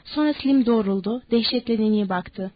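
A woman narrating an audiobook in a steady, measured reading. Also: fairly high pitch, dry recording, muffled recording.

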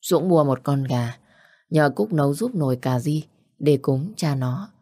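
Low-voiced woman storyteller. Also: expressive, unhurried, warm tone. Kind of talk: storybook narration.

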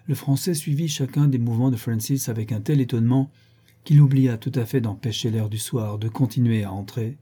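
A man reading a classic novel aloud as narrator, with a measured storytelling delivery. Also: medium pitch, mellow, husky. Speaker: audiobook narrator. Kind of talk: scripted narration.

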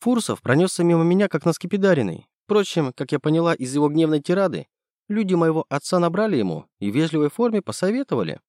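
A man's voice: on the high side, sing-song, fast, darkish tone, dry recording, studio quality, pitched above the performer's own voice. A man reading a storybook, voicing a guarded, teasing young woman who is a detective's partner.

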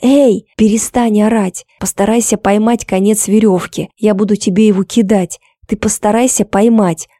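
A woman voicing an exhausted, hoarse woman who barks curt orders at a drowning man. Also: medium pitch, steady tone, moderate pace, few pauses, dark tone, dry recording, studio quality, natural voice. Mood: commanding. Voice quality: hoarse, raspy.

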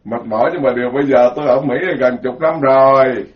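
Folksy Southern Vietnamese monk, lo-fi. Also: male voice, medium pitch, a little fast. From southern Vietnam, Mekong Delta. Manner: folksy, joking, repeats words in emphatic lists. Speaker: Buddhist monk giving a dharma talk. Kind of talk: informal sermon. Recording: dull lo-fi recording.

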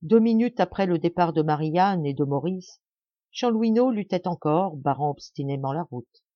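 A woman reading a classic novel aloud in a measured, dramatic storytelling manner. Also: on the low side, expressive, dry recording, lo-fi sound. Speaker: audiobook reader. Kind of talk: audiobook narration of a classic novel.

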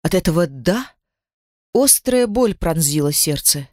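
A woman narrating a first-person novel in an expressive, dramatic reading voice. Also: medium pitch, normal speed, no room sound, clean studio sound. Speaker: audiobook narrator.

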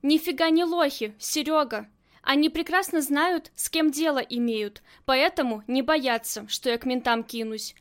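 A woman reading as a hard, cold-blooded female gang boss who talks in curt, commanding lines, her voice high. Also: normal speed, natural voice. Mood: firm.

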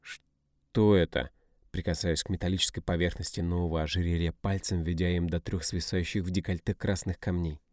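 A man reading a first-person audiobook in a low, tense, brooding way. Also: level tone, fast talker, hardly any pauses, a little mellow, no room sound, clean studio sound. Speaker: audiobook narrator.

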